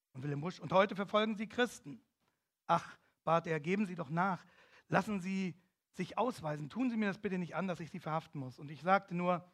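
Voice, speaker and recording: A man's voice: on the high side, fairly bright tone. A man preaching a sermon, reading a story aloud and driving key phrases home with emphatic, swelling declamation. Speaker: pastor.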